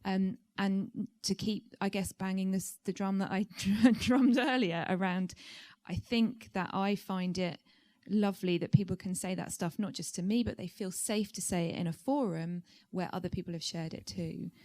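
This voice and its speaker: A woman panelist answering thoughtfully, with hesitant pauses. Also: mid-range voice, fairly even intonation, a little mellow. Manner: reflective, hesitant with fillers.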